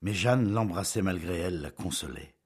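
Measured and expressive, a husky deep-voiced man narrates a literary audiobook as a storyteller.

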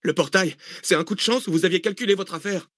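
A man's voice: sits high, fast, a bit bright, no room sound, studio quality, voice pushed up. A man reading an audiobook, voicing an angry, sarcastic female researcher on the run. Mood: sharp. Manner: biting, sarcastic, exclamatory. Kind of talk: audiobook character voice.

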